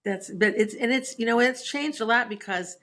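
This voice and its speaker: A woman in a casual chat, telling stories in an animated way and laughing at herself. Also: on the high side, moderate pace. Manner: animated storyteller, acts out quotes, laughs at herself.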